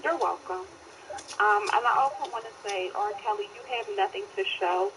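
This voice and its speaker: A woman's voice: fairly high pitch, big pitch swings, normal speed, gravelly, noisy background. A blunt woman of twenty-nine from the Philadelphia area, calling in to a talk show over a bluetooth headset phone line that keeps dropping out. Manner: blunt, emphatic opinions. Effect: phone call through a bluetooth headset, dropping out. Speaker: caller. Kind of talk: call-in radio chat.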